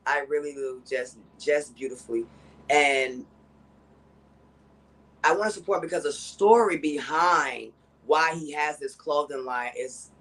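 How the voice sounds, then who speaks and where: A woman's voice: deep voice, fairly bright tone. A woman hosting her own podcast alone, talking loosely and earnestly straight to her listeners, with plenty of faith and encouragement. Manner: loose and conversational, self-correcting. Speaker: podcast host. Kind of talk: heartfelt solo podcast monologue.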